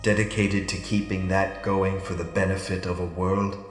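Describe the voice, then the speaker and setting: Music runs beneath an echoey, reverberant hall recording where a man performs a monologue as an ageing, regretful scientist battling alien conditioning in his mind. His deep voice holds a level tone, lightly acted. He's formal and brooding, pausing heavily.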